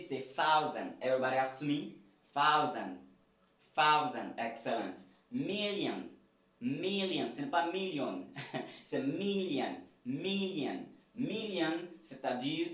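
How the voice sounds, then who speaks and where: A man teaching an English lesson at a board in a lively, questioning way, drilling words aloud. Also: a little high. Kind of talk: whiteboard lesson for French speakers. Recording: echoey room, voice a bit far from the mic.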